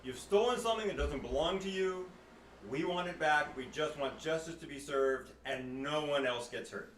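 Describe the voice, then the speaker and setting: A man playing an adventurer who speaks slowly and firmly to captured foes. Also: fairly high pitch, a bit bright, slight background noise, natural voice. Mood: stern. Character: firm adventurer demanding stolen goods back. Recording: roomy, distant mic.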